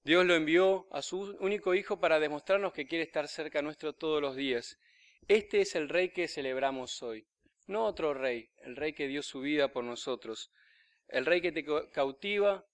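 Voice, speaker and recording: A man with a Rioplatense accent delivers a Sunday homily in a smooth, clear, slightly high voice. He builds phrases up with emphasis and lets the endings fall soft and low, like a storyteller in the pulpit. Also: moderate pace. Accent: Rioplatense Spanish. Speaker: priest. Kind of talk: sermon.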